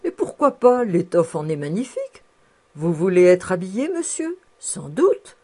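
A woman's voice: lowish voice, big pitch swings, unhurried, warm tone. A woman playing a chuckling old housekeeper. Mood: coaxing. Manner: chuckling, fussing, coaxing. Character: cheerful old female housekeeper, sixty-four, toothless.

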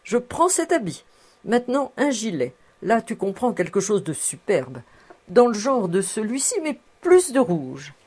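A woman voicing a bashful, eager middle-aged bachelor who is easily flattered. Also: on the low side, a little slow.

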